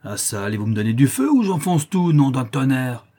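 A man voicing a drunken, lame, brutish male neighbor who shouts hoarse threats. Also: mid-range voice, sing-song, fairly quick, pitched above the performer's own voice. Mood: bullying. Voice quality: hoarse, rough.

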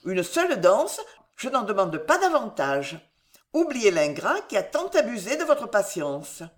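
A woman voicing an excitable, fawning young gentleman who pleads theatrically. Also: medium pitch, measured pace.

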